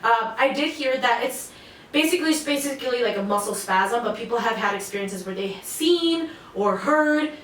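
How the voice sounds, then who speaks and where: A young woman co-hosting a podcast tells a story in loose, animated chat, full of fillers and the odd curse. Her voice sits high and bright. She sounds set back from the mic in a very echoey room. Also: normal speed, distant mic, a little hiss or hum. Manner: animated, swears freely, many fillers. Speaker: podcast co-host.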